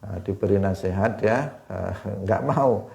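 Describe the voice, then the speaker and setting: A man with an East Javanese accent teaching a hadith lesson to students, explaining slowly with rhetorical questions and frequent fillers. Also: lowish voice, gravelly, darkish tone. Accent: Indonesian, East Javanese. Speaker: religious teacher.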